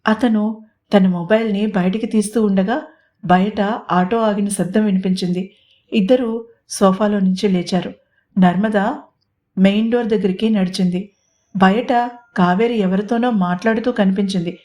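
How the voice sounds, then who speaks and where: A woman's voice: mid-range voice, steady tone, moderate pace, long pauses, warm tone. Woman reading a love story aloud. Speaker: narrator. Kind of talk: audiobook story narration.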